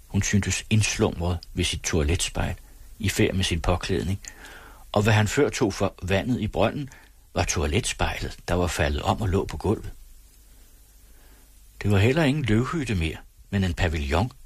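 Deep husky male storyteller. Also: expressive, no room sound. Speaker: audiobook narrator. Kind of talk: scripted narration.

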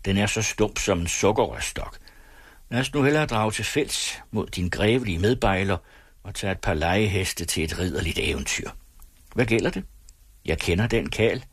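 A sly, red-nosed trickster speaks in a calm, placating tone in a storybook reading, voiced by a male narrator. His voice is deep and husky, with a dry, close sound. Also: no echo. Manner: soothing, placating.

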